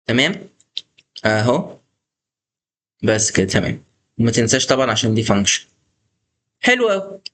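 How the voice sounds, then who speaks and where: A man's voice: mid-range voice, very animated, normal speed, pauses often, a bit bright. A young man with an Egyptian Arabic accent teaching a coding lesson in a chatty, coaxing way, often talking straight to the viewer. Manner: chatty, coaxing, addresses viewer as "boss" and "star". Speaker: programming instructor. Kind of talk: screen-recorded coding tutorial.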